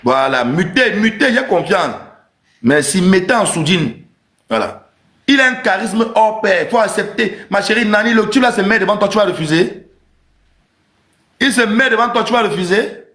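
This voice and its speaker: A man's voice: high voice, lively intonation, moderate pace, fairly bright tone. A man hosting a live stream with an emphatic, teasing comic rant, repeating his points. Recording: roomy echo.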